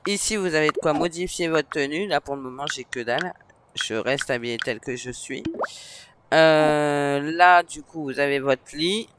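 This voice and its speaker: A man's voice: on the high side, moderate pace, fairly bright tone, slight background noise. A man with a northern French accent giving casual, chatty let's-play commentary, with frequent hesitations. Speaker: gaming streamer.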